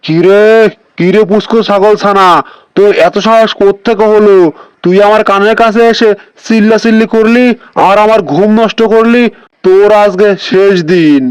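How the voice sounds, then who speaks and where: A man voicing a fierce, grumpy male lion king in a cartoon, speaking gruffly and threateningly. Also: high voice, steady tone, normal speed, no echo, natural voice, low-quality recording.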